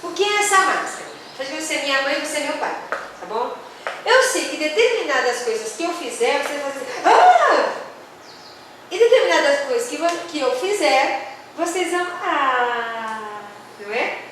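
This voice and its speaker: A woman's voice: sits high, animated, brisk, a bit bright. A Brazilian woman with a São Paulo accent leading a teaching workshop in a conversational way, asking the audience questions and acting out quoted voices. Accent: São Paulo Brazilian Portuguese. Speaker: workshop speaker for religious teachers. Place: community hall. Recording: very echoey hall, distant mic, faint noise.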